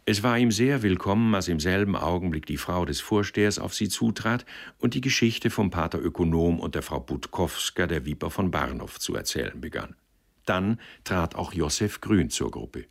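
A man reading a novel aloud in a calm, measured narration. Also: deep voice, vocal fry. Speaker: audiobook reader. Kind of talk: literary narration.

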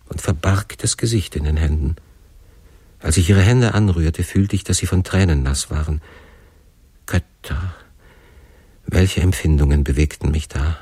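Deep-voiced man reading with passion. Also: mellow, slightly rough, dry recording. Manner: impassioned, theatrical first-person delivery. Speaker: audiobook narrator. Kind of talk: dramatic reading of a classic novel.

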